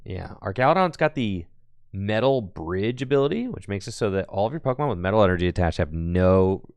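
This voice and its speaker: A man's voice: on the low side, lively intonation, a little fast, vocal fry, darkish tone, smooth, no room sound. A man giving casual play-by-play commentary on a card game tournament, chatty and thinking aloud as he goes.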